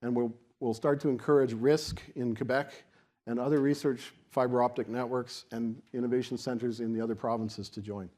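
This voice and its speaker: A man giving a semi-extemporaneous podium speech as a keynote speaker, explaining in a halting way with repeated restarts. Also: medium pitch, steady tone, darkish tone. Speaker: keynote speaker for a technology organisation.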